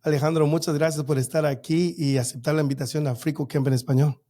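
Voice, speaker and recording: A man's voice: a little high, steady tone, fast, dark tone. A man hosting a podcast, reading introductions from a script and then asking questions with some hesitation. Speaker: podcast host.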